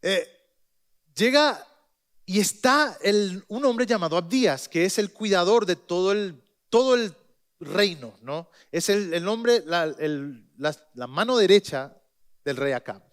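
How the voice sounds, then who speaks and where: Male pastor, high voice, lively storytelling sermon. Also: a little slow. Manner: lively storytelling with joking asides.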